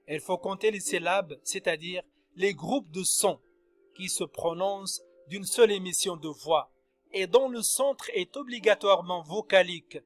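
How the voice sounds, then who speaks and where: A man with a high voice lectures at an unhurried pace, walking through each example carefully. He spells out letters one by one as he explains. Faint music plays beneath the lesson. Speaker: French literature teacher. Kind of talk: slow spoken lecture on verse.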